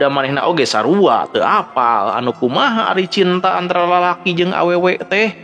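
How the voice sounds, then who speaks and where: A storyteller with a Sundanese accent narrates a dramatic tale over background music. His voice is medium-pitched with a fairly bright tone.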